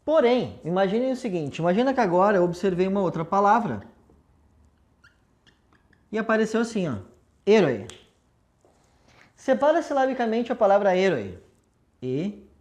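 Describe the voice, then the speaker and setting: A woman's voice: medium pitch, sing-song, moderate pace, pauses often, darkish tone. A woman teacher, patiently explaining a lesson step by step with rhetorical questions and an affectionate tone toward her students. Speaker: language teacher. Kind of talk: recorded video lesson at a whiteboard.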